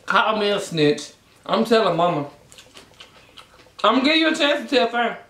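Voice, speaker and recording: A vlogger chatting casually and bluntly to viewers between bites of food, telling things in an animated way. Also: medium pitch, moderate pace. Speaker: mukbang vlogger. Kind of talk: casual chatty mukbang vlog while eating. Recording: echoey room.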